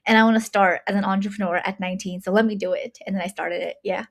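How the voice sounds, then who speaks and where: A woman's voice: medium pitch, steady tone, quick pace, creaky. Bubbly twenty-year-old woman from Nepal. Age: 20s. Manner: bubbly, chatty with many fillers. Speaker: guest, university student. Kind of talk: casual interview chat.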